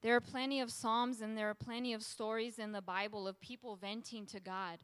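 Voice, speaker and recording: A woman delivers an emphatic sermon as a preacher, circling back to repeat her key phrases. Her voice sits a bit high with a crisp, bright edge. It rings out in a large room with a long, trailing reverb. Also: steady tone, brisk.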